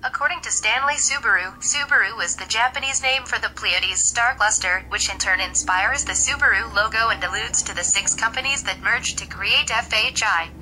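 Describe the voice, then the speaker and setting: A man playing back a high, bright woman's voice that flatly reads out an explanation. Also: normal speed, hardly any pauses, a little hiss or hum, rough recording.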